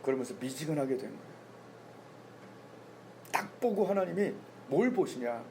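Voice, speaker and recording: Male pastor, gravelly voice that sits a bit high, preaching with rhetorical questions; faint background noise on the recording. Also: expressive, normal speed. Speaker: senior pastor. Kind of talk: sermon. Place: church sanctuary.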